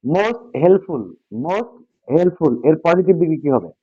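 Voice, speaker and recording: A man's high, expressive, mellow voice proceeds at a slow pace as he teaches grammar to an English class, restating the key points and asking questions. This call-and-response lesson is recorded dry, with dull lo-fi sound.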